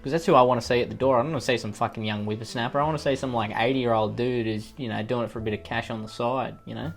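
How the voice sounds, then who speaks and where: Racing along in a steady, mid-range voice with vocal fry, an Australian-accented man does comedic commentary on posts he reads aloud from online. Faint music plays behind his profane, sarcastic and rambling asides.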